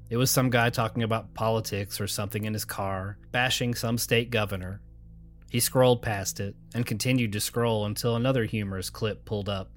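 A man narrating a scary story in a calm, measured voice. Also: mid-range voice. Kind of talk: scripted narration.

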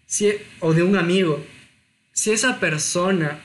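A man, telling a personal story in casual chat, lively and self-mocking. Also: high voice, unhurried, a little hiss or hum. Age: 20s.

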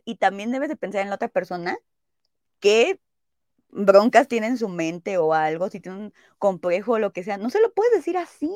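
Gravelly Mexican woman, playful. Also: mid-range voice, a little mellow, no room sound, studio quality. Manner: playful, jokey, mimics tones. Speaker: podcast co-host. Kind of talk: casual chat.

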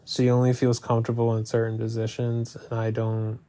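A man's voice: medium pitch, monotone, a little fast, warm tone. A young man talking hesitantly in a personal confessional monologue, full of fillers and restarts.

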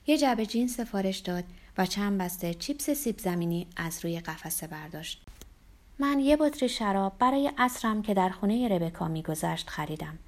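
A woman's voice: medium pitch, darkish tone. A woman narrating a first-person novel aloud in a wry, bitter, confessional manner. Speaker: audiobook narrator.

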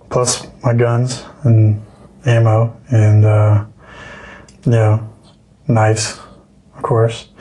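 A man's voice: medium pitch, warm tone. A man talking as a podcast guest in a boastful, profane, laid-back way. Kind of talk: casual podcast chat.

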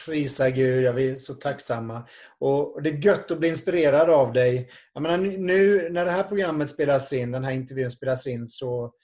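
A woman's voice: extremely low pitch, warm tone. A woman interviewer, effusive and encouraging toward her guest.

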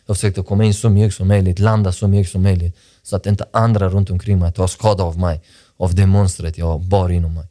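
A man's voice: deep voice, level tone, dark tone, no echo, studio quality. A man talking about his past in a podcast interview, earnest and reflective, often restarting his sentences. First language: not Swedish. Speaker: podcast guest, sports director. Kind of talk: personal interview talk.

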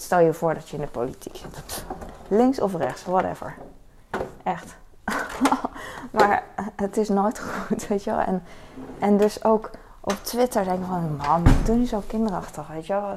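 A woman's voice: on the low side, background noise. A young adult woman vlogging in casual chat, rambling with lots of fillers and asides. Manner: rambling, frequent fillers and "weet je wel".

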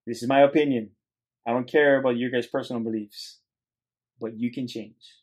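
Guy doing a motivational podcast solo, earnest, kinda rambly, normal pitch, talks to his listeners as guys. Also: steady tone, moderate pace, a little mellow. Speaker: podcast host.

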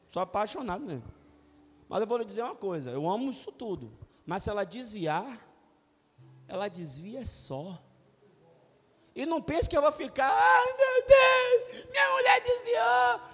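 High-voiced, animated pastor. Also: male voice. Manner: animated, jokey preaching with sudden shouts and acted quotes. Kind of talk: lively sermon. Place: church sanctuary. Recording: reverberant church hall.

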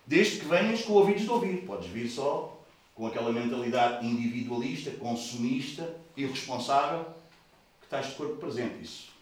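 Portuguese pastor guy preaching, kinda high voice, loud bits then quiet, big echoey hall, mic far off. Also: normal speed. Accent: European Portuguese. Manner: lively, swings from loud bursts to soft asides. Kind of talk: sermon. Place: large church hall.

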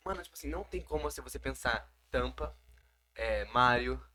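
Fast, bright-voiced teen boy joking. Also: mid-range voice, expressive. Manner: slangy, joking banter. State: sore throat. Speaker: podcast co-host. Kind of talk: casual chat.

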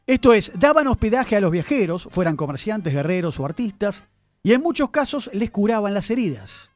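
Lively high-voiced radio man. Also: fairly quick. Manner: chatty, animated storyteller addressing listeners. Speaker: radio columnist. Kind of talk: radio segment on word origins. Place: radio studio.

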